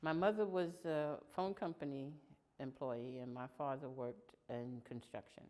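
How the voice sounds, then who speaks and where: Older New York woman, unhurried. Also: very deep voice, fairly even intonation, a little mellow. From New York, Long Island. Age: 60s. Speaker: oral history interviewee. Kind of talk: recorded oral history interview. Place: indoor room in downtown New York.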